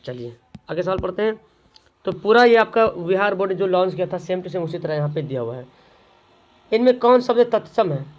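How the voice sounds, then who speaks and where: A man's voice: sits high, animated, brisk, lo-fi sound. A man, tutoring students through exam questions, repeating each question and then answering it himself.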